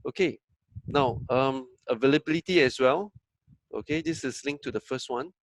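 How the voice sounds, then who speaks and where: A man's voice: mid-range voice, normal speed, no echo, rough recording. Man. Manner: conversational, acts out quoted dialogue, frequent fillers. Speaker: business coach and trainer. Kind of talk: presenting a training talk.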